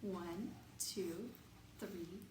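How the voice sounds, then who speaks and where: Reading a picture book to young children, a woman uses a sing-song, expressive delivery with dramatic emphasis, chanting counts and repetitions and stopping to ask them questions. Her voice sits on the low side, and the recording has a roomy echo with faint background noise.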